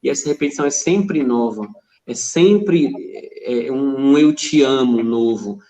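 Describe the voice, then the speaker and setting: A man's voice: medium pitch, lively intonation, measured pace, dark tone, roomy sound. A man with a Brazilian Portuguese accent, a religious brother telling stories as a podcast guest, acting out dialogue and often adding "né?". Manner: storytelling with quoted dialogue, frequent "né?". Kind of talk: conversational testimony.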